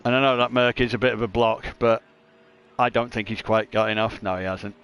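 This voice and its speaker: A man's voice: fairly low pitch, flat delivery, brisk, a bit bright, clean tone. Chatty male sim-racing commentator. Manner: chatty, jokey, reads lap times aloud. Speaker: race commentator.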